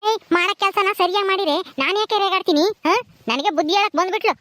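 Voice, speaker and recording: A woman's voice: very high voice, fast talker. A woman with a rural Karnataka accent plays a bossy, short-tempered mistress of a village house who nags and scolds. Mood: scolding. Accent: rural Karnataka Kannada. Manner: scolding, nagging, sharp-tongued. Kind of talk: homemade village drama.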